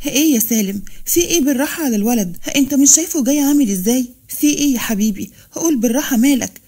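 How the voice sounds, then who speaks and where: A woman's voice: sits high, lively intonation, rapid-fire, warm tone, husky, pitched above the performer's own voice. A woman voicing a frantic, insistent middle-aged mother. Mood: anxious. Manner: pleading, insistent.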